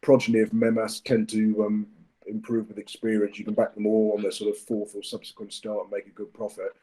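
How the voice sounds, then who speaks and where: A man's voice: lowish voice, monotone, a little fast, dark tone, rough recording. A man giving his horse racing tips in a casual chat, often hesitating with fillers and restarts. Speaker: racing tipster.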